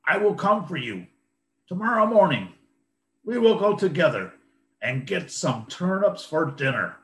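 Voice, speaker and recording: A man doing a booming, sly big bad wolf. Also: very animated, a bit bright. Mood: blustering. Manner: booming, drawn-out threats. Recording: roomy echo.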